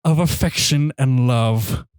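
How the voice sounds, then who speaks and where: A man's voice: mid-range voice, a little mellow, clear, resonant tone, dry recording, lightly acted. A man putting on a snobby film critic voice. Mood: pompous. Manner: pompous, drawn-out delivery.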